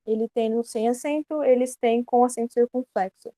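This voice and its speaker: A woman's voice: fairly high pitch, steady tone, normal speed, warm tone, no echo. A woman with a Brazilian Portuguese accent teaching an online grammar lesson, explaining casually and correcting herself as she goes.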